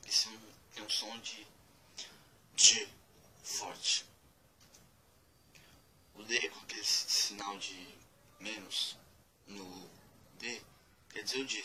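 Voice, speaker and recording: A man giving a casual spoken lesson, spelling out letters one by one and repeating words slowly. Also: on the low side, bright, forceful tone, slight background noise, rough recording. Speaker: language teacher.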